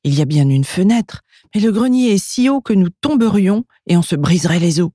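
A woman voicing a small, frightened female elf knitter in a children's storybook, high and anxious. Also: animated, a little fast, mellow, no echo, studio quality, natural voice. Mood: worried.

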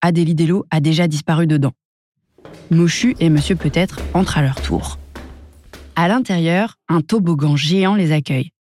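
A woman narrating a children's story in a lively storytelling voice. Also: low-pitched, normal speed, soft background music.

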